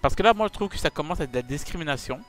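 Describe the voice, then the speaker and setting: A man's voice: fairly high pitch, lively intonation, very fast, faint music behind. Insistent, pleading young comic man. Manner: pleading, insistent, swings from mumbling to shouting. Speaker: YouTuber host. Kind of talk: provocative comedy chat with an AI.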